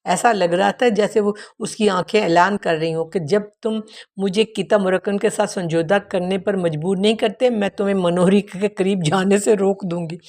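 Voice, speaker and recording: A woman's voice: medium pitch, gravelly, a little mellow. A woman narrating a translated novel as an audiobook, telling the story steadily with the odd self-correction.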